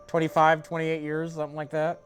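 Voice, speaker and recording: A man's voice: fairly high pitch, completely flat delivery, fairly quick, soft background music. A man streaming a video game, chatting loosely with viewers and explaining a puzzle with many fillers. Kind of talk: casual let's-play commentary.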